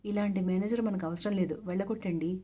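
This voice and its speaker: An anguished young wife pleads earnestly, her voice mellow and warm, read by a woman narrator. She is urgent but steady, as in a storybook reading. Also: medium pitch, quick pace, breathy edge, close to an everyday voice.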